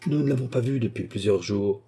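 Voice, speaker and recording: A man's voice: medium pitch, fairly quick, mellow, breathy edge. A man voicing a deferential household valet who answers plainly and respectfully in a storybook reading.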